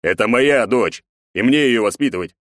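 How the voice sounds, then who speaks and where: Man doing cold stern emperor, deliberate growl, contemptuous, storybook, dry close sound. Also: medium pitch, lively intonation, fairly bright tone, no room sound, pitched above the performer's own voice, lightly acted.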